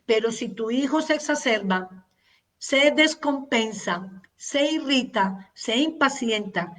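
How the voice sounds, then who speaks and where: Sounding distant from the mic, a woman teaches a parenting masterclass in a slow, deliberate voice that is a little high, expressive, and a bit bright. She is earnest, running through long lists and repeating words to stress them.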